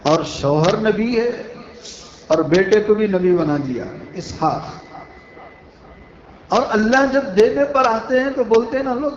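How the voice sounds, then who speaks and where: High-voiced man preaching in an echoey hall. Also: animated, pauses often, muffled recording, a little hiss or hum. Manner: dramatic retelling with acted dialogue. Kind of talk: storytelling sermon.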